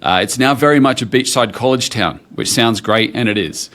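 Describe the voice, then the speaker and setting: A man's voice: mid-range voice, normal speed, a bit bright. A man with an Australian accent telling his story conversationally as an interview guest, colourful and wryly self-deprecating. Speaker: podcast guest, tech entrepreneur.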